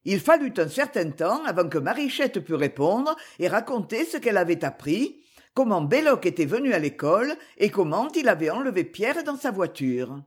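A woman narrating a novel chapter as an audiobook reader, with measured, expressive storytelling. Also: mid-range voice, breathy edge. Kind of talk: scripted narration.

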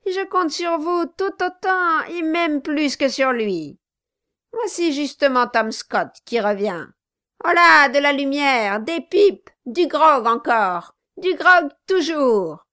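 A woman reading an audiobook, voicing a spiteful scheming male dwarf who talks loudly and mockingly. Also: high voice, animated, slow, no room sound, studio quality, pitched above the performer's own voice, heavily acted. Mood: scornful. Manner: loud, mocking, bullying.

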